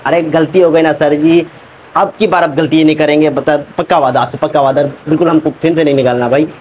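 A man's voice: on the high side, steady tone, darkish tone, slight background noise, lightly acted, rough recording. A man playing a meek, begging bumbling actor. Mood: apologetic. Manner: pleading, apologetic, rushed. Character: clumsy begging male actor, adult, meek. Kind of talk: comic short film acting.

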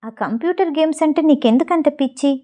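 A woman voicing a nervous, flustered young woman who speaks in hushed tones. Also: a little high, a little fast, lightly acted.

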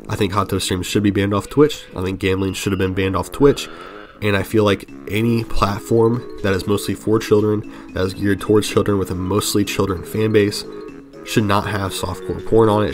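A young man giving earnest opinion commentary over gameplay, rambling with frequent restarts. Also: low voice. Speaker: gaming commentary channel host. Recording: voice-over with faint music underneath.

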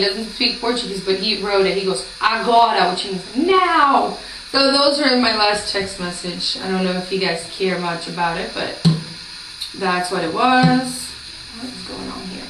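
A woman's voice: mid-range voice, noisy background. Chatty woman on a roomy distant webcam. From Brazil. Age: 20s. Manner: chatty, rambling, many ums. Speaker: vlogger. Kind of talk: casual chat to camera. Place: small room indoors by a door. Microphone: camera across the room. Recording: roomy, distant home camera.

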